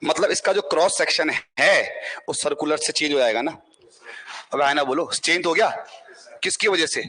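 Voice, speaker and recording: Man, exam-prep teacher, husky voice, high pitch, keeps asking the class questions. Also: moderate pace, pushed and bright. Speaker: civil engineering teacher.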